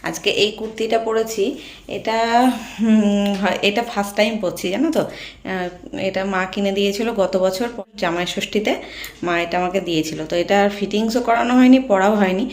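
A young Bengali woman from India, chatting casually to her viewers in a home vlog, her voice a little hoarse from a sore throat. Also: medium pitch, normal speed. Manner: chatty, addresses viewers directly with fillers. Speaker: vlogger. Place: at home, in and out of doors.

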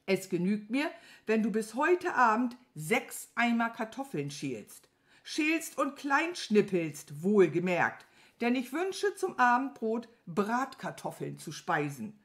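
A woman reading a children's story aloud, voicing an irritable, bossy male wizard who scolds and shouts impatiently. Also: fairly high pitch. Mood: grudging. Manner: impatient, scolding, raised and strained. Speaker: kindergarten teacher.

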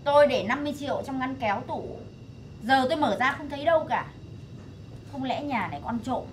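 A woman's voice: a little fast, slight background noise, natural voice, rough recording. A woman playing a harsh mother-in-law. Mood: puzzled. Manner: scolding, shrill when angry. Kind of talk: TV drama acting.

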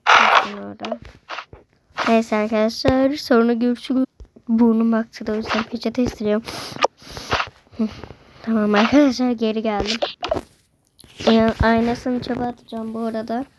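A woman's voice: fairly high pitch, flat delivery, normal speed, long pauses, very noisy. A woman vlogging casually, talking to her viewers as friends and often dropping into whispered asides. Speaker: prank vlogger.

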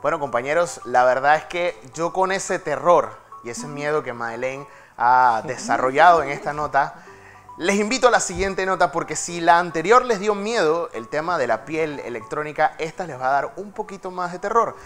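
A Panamanian man presents a technology segment in a TV news studio, chatty and dramatic, with plenty of fillers. His voice is fairly high and bright, with lively intonation at normal speed. Faint music plays behind him.

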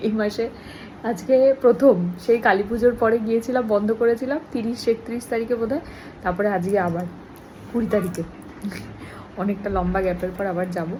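A woman's voice: warm tone, slight background noise, poor audio. A young woman, chatting casually to camera in a home vlog. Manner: chatty, switches into high sing-song baby talk with her daughter. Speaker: vlogger.

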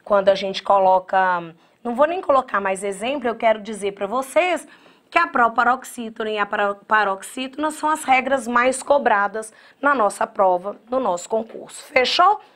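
A woman teaching an online exam-prep grammar lesson in a lively, chatty way, talking straight to her students. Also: fairly high pitch, moderate pace. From Brazil.

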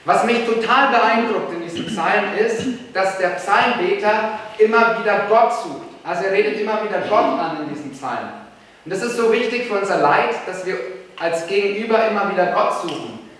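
A man's voice: high voice, normal speed, a bit bright. A German man preaching a sermon as pastor, earnest and emphatic, repeating key phrases. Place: church hall. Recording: echoey hall, voice from far off.

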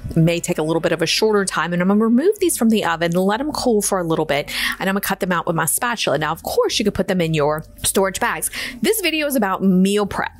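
Folksy woman dietitian, lowish voice, cooking demo host, faint music behind. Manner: chatty, folksy, playful asides. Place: home kitchen.

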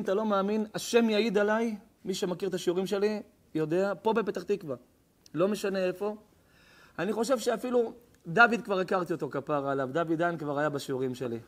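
A young man preaching an ethics sermon as a rabbi. His voice sits notably high, and he moves between fiery, shouted questions and soft, confiding stories. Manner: impassioned, swings from shouting to hushed intimate tones.

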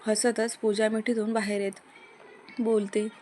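A woman reading a romance story aloud in Marathi, voicing each character's lines in a lively way. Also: medium pitch, measured pace, slight background noise.

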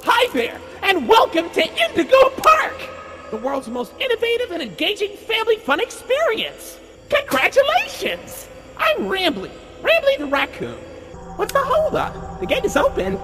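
Super high robotic raccoon park mascot, bubbly, big reverb with music behind. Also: wildly swooping pitch, normal speed, fairly bright tone, exaggerated voice. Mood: bubbly, upbeat. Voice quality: robotic pitch-tuned. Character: cheerful cartoon raccoon mascot, bubbly theme-park announcer. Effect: stepped robotic pitch tuning. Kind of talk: theme park announcer spiel.

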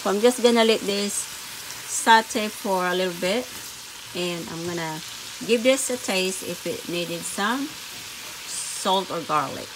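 A woman's voice: medium pitch, slow pace, noisy background. A woman hosting a home cooking video, chatting to viewers as "everyone" while she narrates each step at the stove. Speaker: cooking channel host. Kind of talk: casual cooking demonstration. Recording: home kitchen with loud sizzling pan. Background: loud frying and sizzling.

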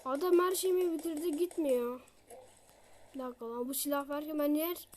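A woman's voice: sits high, fairly even intonation, moderate pace, darkish tone, a little hiss or hum. A woman giving frustrated gameplay commentary, dramatic and exasperated, swinging between mutters and outbursts. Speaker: gaming video creator.

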